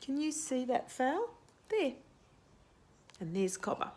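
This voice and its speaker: A woman reads a picture book aloud to young children, keeping her explanations simple and asking them questions along the way. As a children's storyteller, she speaks slowly in a high, sing-song voice with a darkish tone.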